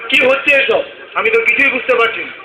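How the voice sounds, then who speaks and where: A man's voice: extremely high pitch, fast talker. A man playing a puzzled, curious male traveler in a stage play, asking bewildered questions. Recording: echoey hall with audience noise.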